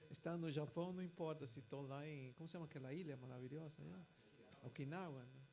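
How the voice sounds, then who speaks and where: In church, this pastor from Peru opens with relaxed, chatty remarks in Portuguese, carrying a Peruvian Spanish accent, before moving into loud, fervent prayer. He speaks at a normal speed in a voice on the high side, and the audio is poor.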